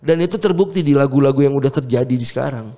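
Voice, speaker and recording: A man, a music producer telling a personal faith story in a casual chat, fervent and animated, with English words slipped into his slang. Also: medium pitch, fast.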